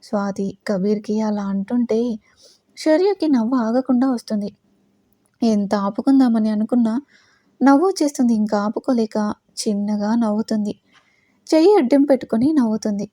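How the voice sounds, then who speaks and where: A woman with a Telugu accent narrates a romantic audio story in a mellow, fairly high voice. She voices each character's lines herself and lifts her voice for the dialogue. The sound is close and dry. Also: moderate pace, no echo. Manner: reads all characters, rising louder for quoted lines.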